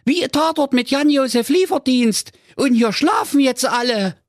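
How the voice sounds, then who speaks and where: A squeaky whiny prince, panicky, way up high and all over the place. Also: male voice, animated, normal speed, no echo, studio quality. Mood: frantic. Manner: shrill, frantic, whining.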